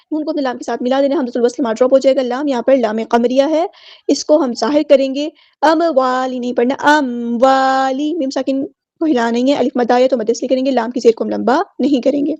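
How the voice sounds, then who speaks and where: Woman tajweed teacher, high voice, close dry dull-toned mic, slow chanted words then brisk explanation. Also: fairly even intonation, mellow, no echo. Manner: slow drawn-out chanted recitation of each word, then quick explanation. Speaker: Quran recitation teacher. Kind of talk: tajweed lesson, word by word explanation.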